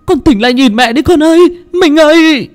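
A man reading a storybook and voicing a desperate young mother who pleads and sobs in shrill cries. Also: normal speed. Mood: grief-stricken.

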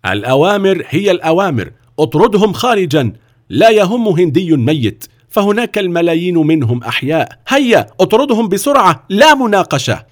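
A man's voice: high-pitched, sing-song, a little fast, pitched above the performer's own voice. A man doing a scornful, bossy hospital director. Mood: scornful commanding. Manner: contemptuous, commanding.

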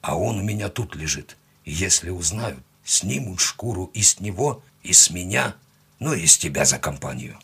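Man narrator doing an uneasy house owner, deep husky hushed voice. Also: expressive, normal speed, heavily acted. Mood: worried. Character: wary, fretful male house owner, grumbling. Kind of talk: audiobook character voice.

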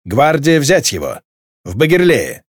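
A man's voice: medium pitch, wildly swooping pitch, measured pace, husky, no room sound, clean studio sound, exaggerated voice. A man voicing a stern male marshal who gives curt, clipped orders in an audiobook. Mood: commanding.

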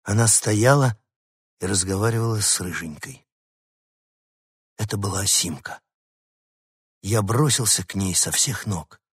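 A man narrating a storybook aloud in the first person, lively and expressive. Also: lowish voice, measured pace, long pauses, husky, no room sound, studio quality. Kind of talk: audiobook storytelling as the dog.

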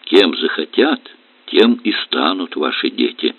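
A man voicing an aggrieved older mother-in-law who scolds and complains, in a high voice, reading an audiobook. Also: very animated, measured pace, no echo, full character voice. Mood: prudent. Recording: dull lo-fi recording.

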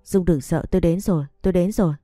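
Woman reading a calm young nobleman. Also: lowish voice, fast, no room sound, lightly acted. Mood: firm. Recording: dry close recording, faint music behind.

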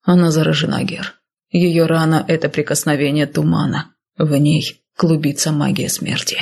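Woman reading a dry, unflappable male healer, even delivery, low husky tone. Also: moderate pace, heavily acted. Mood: calm. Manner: level, dry, matter-of-fact.

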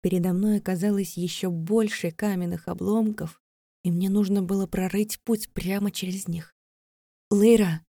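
A woman's voice: medium pitch, steady tone, moderate pace, vocal fry, warm tone, no echo. A woman narrating a first-person fantasy audiobook in a tense, breathless, dramatic way.

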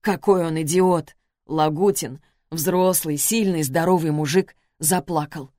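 Brief: female audiobook narrator, lowish voice, dry close booth sound. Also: no room sound. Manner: measured, expressive.

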